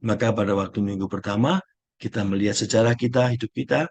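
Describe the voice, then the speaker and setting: Middle-aged male priest, low voice, slow gentle retreat talk. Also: breathy edge. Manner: slow, gentle, searching pauses. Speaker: Jesuit priest. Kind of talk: reflective spiritual talk.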